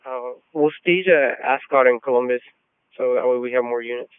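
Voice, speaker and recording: A male police officer on the radio, with a smooth mid-pitched voice. He speaks in clipped procedural phrases, and the transmission is dry and dulled. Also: steady tone, normal speed, no echo, narrow, tinny audio.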